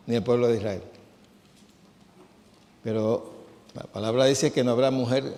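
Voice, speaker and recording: A man teaching a sermon, lively and quizzing his congregation. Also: mid-range voice. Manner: lively, quizzes the congregation, acts out quoted voices. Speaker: preacher teaching a healing class. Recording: long church-hall reverb.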